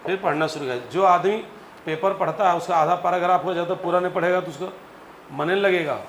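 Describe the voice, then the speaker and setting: A man teaching physics in a lively classroom lecture, calling on students to answer aloud and acting out stories. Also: high voice, fairly quick. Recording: echoey classroom with faint noise.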